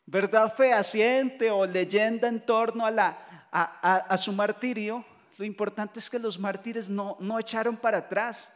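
High-voiced Colombian priest preaching in a reverberant hall. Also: male voice, measured pace. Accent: Colombian Spanish. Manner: lively storytelling preacher who mimics voices and jokes. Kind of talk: retreat sermon.

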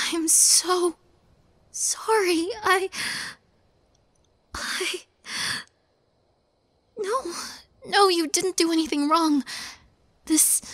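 In an intimate roleplay, a woman plays a shy, tender young witch girlfriend. Her high, breathy voice is soft-spoken, hesitant and halting, often sinking into whispers, and there's no echo.

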